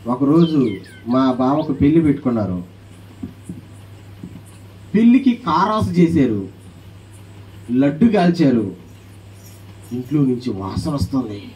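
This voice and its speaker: A man preaching a sermon as pastor, animated, calling on the congregation to answer aloud and acting out quoted voices. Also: medium pitch, a little slow, pauses often, distant mic, rough recording.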